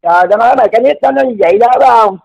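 A man's voice: very high-pitched, rapid-fire, vocal fry. A man, arguing defensively on a phone call, stammering and repeating his words. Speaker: caller in a dispute. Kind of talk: heated phone argument.

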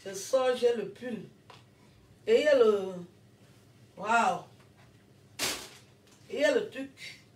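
Woman doing a chill unboxing vlog, slow talker, lots of wows and thank-yous, sounds far off the mic. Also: on the high side, a little hiss or hum. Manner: exclaims often, thanks warmly and repeatedly. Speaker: vlogger and comedian. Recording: roomy echo, voice away from the mic.

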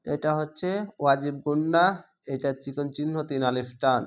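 Male Quran tutor, measured syllable-by-syllable drills, slightly high, crisp tone. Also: fairly even intonation. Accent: Bangladeshi Bengali. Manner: spells syllables letter by letter, drawls long vowels. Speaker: Quran reading teacher. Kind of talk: slow spelled-out recitation lesson.

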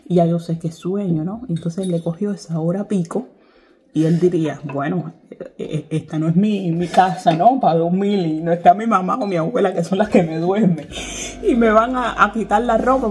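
A woman's voice: medium pitch, a little mellow, slight background noise. A young woman vlogger telling a story casually to her viewers, chatty and laughing often as she acts out what people said.

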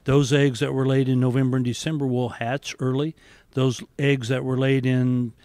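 A man talks through insect problems in steady, explanatory detail. The recording is dry, with the handheld mic close and little room sound. His pitch sits in a middle range for a man. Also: normal speed, no room sound. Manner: explanatory, methodical. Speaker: university entomologist. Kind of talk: interview answers. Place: office with windows and plants, indoors. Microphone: handheld mic held by interviewer.

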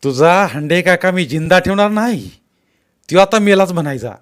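Man reads as raging village bully uncle, storybook reading, yells high and loud, threatening. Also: expressive, normal speed. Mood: furious shouting. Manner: shouting threats. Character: furious village uncle, middle-aged man, violent bully.

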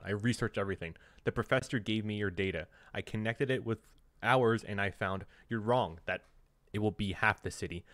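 A man voicing an earnest young woman scientist from a comic, in his own low voice. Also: a bit bright, dry recording, lightly acted.

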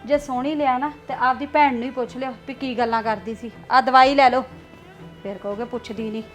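Woman as sarcastic young bahu, high voice, snippy comebacks. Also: steady tone, fairly quick, soft background music, natural voice. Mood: tart. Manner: tart, sarcastic retorts. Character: young daughter-in-law, tart and resentful. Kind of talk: Punjabi family web drama.

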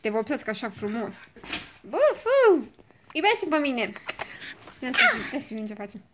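A high-pitched woman plays with her puppy at home and films it on a phone. Her voice leaps up and down as she coos and calls it in sing-song bursts. A steady background noise runs under the phone recording. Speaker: pet owner filming her puppy. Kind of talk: playful home video chat. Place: at home, indoors. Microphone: phone camera.

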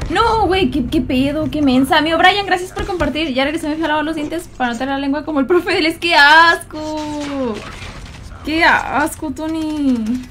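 A woman's voice: high voice, fast, few pauses, a little hiss or hum. A young adult woman with a Mexican accent, chatting casually and teasing her viewers while she plays a game on a livestream. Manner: slangy, teasing, reads out and greets chat while playing. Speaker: streamer. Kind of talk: casual gaming livestream chat.

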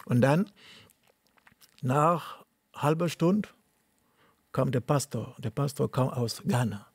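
A middle-aged man from Cameroon telling his life story in an interview, speaking halting, non-native German with many restarts and repeated words. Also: mid-range voice, creaky, slightly rough, dry recording, clean studio sound. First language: not German. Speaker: interviewee, tennis coach. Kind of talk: personal testimony interview.

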